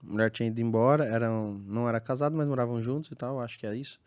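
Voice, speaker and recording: A man from São who owns a burger restaurant, telling a workplace story on a podcast, acting out the dialogue with animated voices. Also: medium pitch, racing, highs cut off. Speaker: burger restaurant owner, guest.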